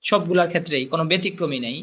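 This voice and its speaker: A young man teaching Quranic letter sounds in a recorded lesson, reciting each sound slowly and deliberately, repeating drills and quizzing the class. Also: fairly high pitch, a bit bright, highs cut off, a little hiss or hum.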